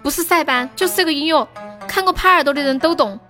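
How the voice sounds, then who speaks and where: High-voiced playful woman livestreamer over music. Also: fast talker, sharp tone. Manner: playful, chatty. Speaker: livestream host. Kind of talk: casual livestream chat with viewers. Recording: music playing behind the voice.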